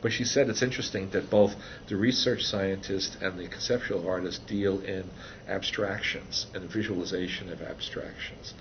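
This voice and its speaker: An older man with a fairly low voice talks through a casual interview, circling back with fillers and restarts as he explains his ideas. The recording is a little dull, with a faint hiss behind him. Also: fairly even intonation, normal speed. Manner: rambling, many restarts and fillers. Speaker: interviewee, author of a book on computer animation. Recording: dull, slightly noisy recording.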